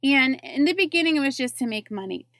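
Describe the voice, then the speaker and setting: A woman's voice: high voice, animated, brisk, creaky, fairly bright tone, dry recording. Chatty woman telling her story, dry sound. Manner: chatty, frequent self-corrections and little laughs. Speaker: network marketer. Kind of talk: personal story monologue.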